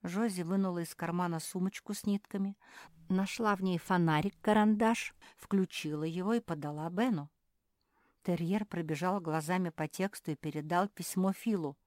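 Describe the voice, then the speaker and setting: A woman reading a children's story aloud in a calm, even storytelling voice, slightly low-pitched. The recording is dry and close, with no room sound. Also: normal speed, no echo. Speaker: audiobook narrator. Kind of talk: children's audiobook narration.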